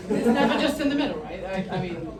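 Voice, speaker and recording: Here the South African stand-up, a middle-aged woman, talks fast and animatedly in a mid-range voice, bantering crudely and self-mockingly with her comedy club audience. Crowd noise and a roomy live feel come through a far-off mic.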